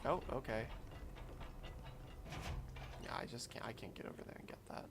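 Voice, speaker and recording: A man's voice: mid-range voice, moderate pace, heavy background noise. A man streaming a video game, chatting and thinking aloud as he plays. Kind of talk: casual gameplay commentary.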